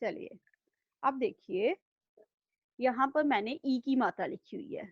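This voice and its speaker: A woman's voice: on the high side, animated, a little slow, breathy edge, no room sound, highs cut off. A woman teaching an online class to young children, patient and repeating herself. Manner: patient, repeats "thik hai?" after nearly every line. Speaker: primary school teacher. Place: home room, online video class.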